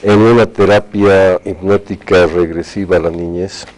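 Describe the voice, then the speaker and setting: A man speaking as a hypnotherapy guest on a talk show, explaining in a measured, clinical way with technical terms. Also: sits low, fairly even intonation, a little mellow, slight background noise, low-quality recording.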